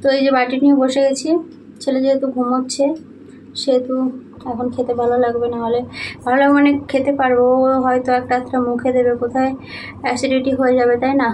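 A young woman from Medinipur chatting softly in a casual home vlog, sleepy and sweaty in the heat. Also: sits high, level tone, quick pace, slight background noise. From Medinipur, West Bengal, India. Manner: soft, hushed talk so a sleeping child stays asleep. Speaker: vlogger, housewife and mother. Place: small home indoors. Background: background music.

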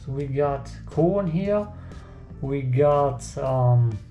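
This casual cooking vlog features a young man with a German accent, from a German-speaking country, talking to himself jokingly as he cooks in a small home kitchen. He sounds animated and warm at a medium pitch, drawing out his words. The highs are cut off, and faint music plays in the echoey room.

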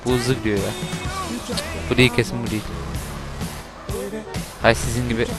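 A man giving casual gameplay commentary, talking loudly and swearing and shouting at the game. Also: mid-range voice, level tone, moderate pace. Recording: game music playing behind.

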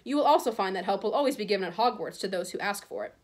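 A woman voicing a calm, authoritative old male headmaster in a storybook, polite, measured and firm. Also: mid-range voice, lightly acted. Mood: resolute.

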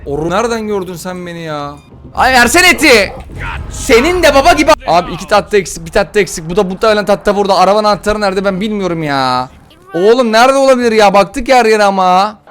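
A man giving excitable, slangy let's-play commentary while playing a game, often frustrated. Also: high-pitched. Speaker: gaming YouTuber.

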